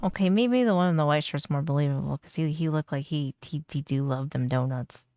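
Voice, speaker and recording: A woman's voice: sits low, fairly quick, warm tone, no echo, muffled recording. A woman chatting casually and reacting as a streamer, with a slangy, mocking, foul-mouthed manner.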